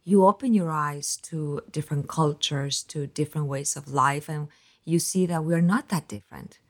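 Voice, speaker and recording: A woman's voice: low-pitched, normal speed. A woman from Spain hosting a podcast interview, talking at length and rambling with restarts. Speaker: podcast host.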